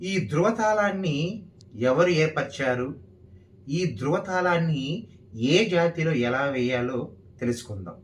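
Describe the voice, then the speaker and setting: A man's voice: fairly high pitch, lively intonation, a little slow, pauses often. A man teaching dance rhythm, counting beats aloud one syllable at a time as he explains each pattern. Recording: roomy, from a distance.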